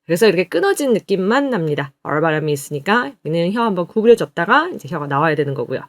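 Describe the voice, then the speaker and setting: A woman teaching an online English lesson. She says each word slowly and has students repeat it. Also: on the low side, very animated, no room sound, clean studio sound. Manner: drills words slowly, repeats them for students to copy.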